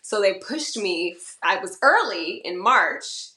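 A bubbly Georgian woman, a model and musician, chats as a guest in a casual podcast interview, animated and playful, putting on little voices as she tells stories. Her bright, crisp, medium-pitched voice moves slowly, echoing around the room.

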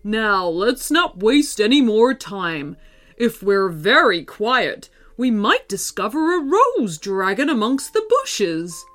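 A woman voicing a kindly old male wizard who teaches children, speaking softly with a chuckle. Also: medium pitch, very animated, slow pace. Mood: delighted. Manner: chuckling, soft-spoken, hushed.

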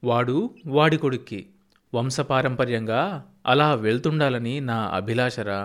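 A proud old farmer grandfather, stubborn but tender underneath, as a male narrator plays him. His speech is gruff and folksy, full of village turns. Told as an audiobook story. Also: medium pitch, measured pace, close to an everyday voice. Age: older.

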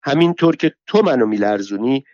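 A man voicing a foul-mouthed, quarrelsome old pilgrim woman who shouts abuse in a theatrical way. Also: on the high side, no echo, pitched above the performer's own voice, close to an everyday voice. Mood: scolding. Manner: shouting insults, abusive, theatrical. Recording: dull lo-fi dry recording.

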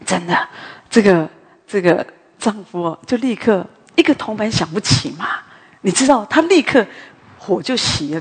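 A woman giving a conversational sermon at a women's prayer meeting, a chatty, animated storyteller who drifts into asides. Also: mid-range voice, slightly rough. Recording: long hall reverb.

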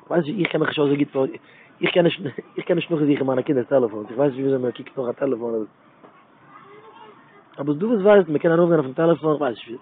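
A fairly high-pitched male voice comes through a thin, tinny line that sounds like a phone call. He is middle-aged and gives an informal religious talk. He keeps repeating phrases and hammering points home with emphasis. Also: breathy edge. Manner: repetitive and emphatic, circling back to phrases. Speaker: religious speaker.

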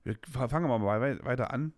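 In a dry, studio-quality recording, a man in his late twenties speaks fast in a mid-range voice while hosting his podcast. He rambles candidly through a casual personal monologue, using plenty of slang and starting sentences over.

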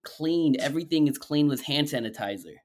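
A man's voice: a little high, lively intonation, fairly quick. A man co-hosting a podcast in casual, joking banter, on his own microphone. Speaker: podcast co-host. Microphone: own microphone, joining remotely by call.

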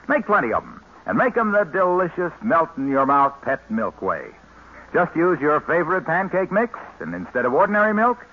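In a muffled recording, an American man with a somewhat high, husky voice announces an old-time radio show. His polished salesman's delivery fits the vintage broadcast style of 1940s-50s radio announcing and sponsor pitches.

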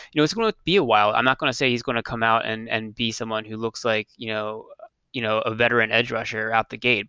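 Co-host: man, bright clear voice, steady flat delivery, dry sound, analytical. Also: on the low side, no room sound. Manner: measured, analytical, repeats words. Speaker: podcast co-host. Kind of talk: casual sports podcast chat.

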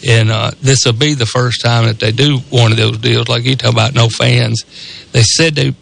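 A man's voice: mid-range voice, steady tone, moderate pace, gravelly, a bit bright. A man with a Southern US accent and a rural drawl, rambling casually as co-host of a sports radio show. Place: radio studio.

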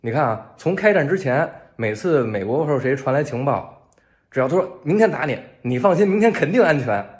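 A man with a Beijing accent talking casually to viewers in a video, cracking wry, deadpan jokes. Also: medium pitch, a little fast. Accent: Beijing Mandarin. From Beijing, China. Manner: wry, joking, deadpan gallows humor. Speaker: civilian in a war zone posting a video.

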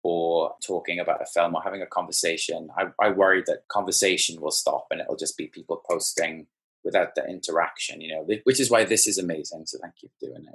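A man's voice: deep voice, fairly bright tone, breathy edge. A man who runs a small record label, chatting casually on a video call with many fillers. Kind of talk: casual sharing at an online group call.

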